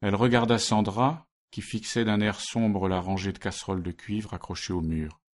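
Deep-voiced male narrator. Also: fairly even intonation, moderate pace. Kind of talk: scripted narration.

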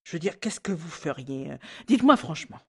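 An actress playing a resentful, anxious housemaid who complains and hesitates. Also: female voice, deep voice, very animated, a little fast, fairly bright tone, breathy edge, heavily acted. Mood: grumbling. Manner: complaining, fretful, hesitant with many fillers. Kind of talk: audio drama acting.

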